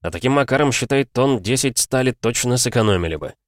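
A man voicing an animated, opinionated young male tank gunner in an audiobook. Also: medium pitch, a little fast, dry recording, studio quality, pitched above the performer's own voice, lightly acted.

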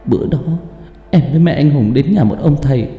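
A man's voice: fairly high pitch, lively intonation, fairly quick, phone-quality sound, pitched above the performer's own voice, lightly acted. A man voicing a frightened young woman in a horror story, her telling pleading and breathless. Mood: panicked. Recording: echoey hall, long reverb, faint music.

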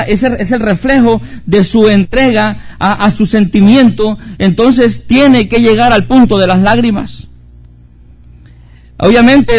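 High-voiced earnest preaching pastor. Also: male voice, darkish tone. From Mexico. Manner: earnest preaching with rhetorical questions and repetition. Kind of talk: sermon.

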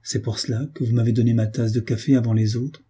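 A man reading an audiobook, voicing a brooding young man who pleads in a low, desperate voice. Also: fairly even intonation, fast, warm tone, slightly rough. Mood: pleading. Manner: low, pleading, then angry.

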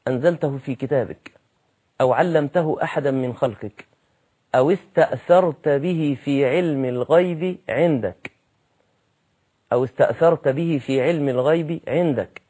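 A man with an Egyptian accent gives a religious lesson, his voice husky and set a little high for a man. He talks earnestly and says his main points twice over to drive them home. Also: darkish tone. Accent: Egyptian Arabic. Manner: earnest, repeats key phrases for emphasis. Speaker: preacher.

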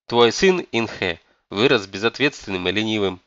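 A man's voice: lowish voice, expressive, moderate pace, a bit bright, no echo, muffled recording. A man voicing a stern, domineering elderly grandmother who scolds and commands. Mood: scolding.

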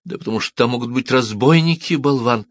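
A man voicing a sharp-tongued, wary farm wife in a storybook reading. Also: fairly high pitch, measured pace, no room sound, studio quality, voice pushed up. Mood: wary, scolding. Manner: scolding, insistent.

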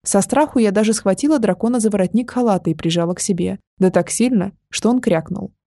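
A woman narrating a first-person fantasy audiobook with wry, lively storytelling. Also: mid-range voice, fast talker, no room sound, studio quality.

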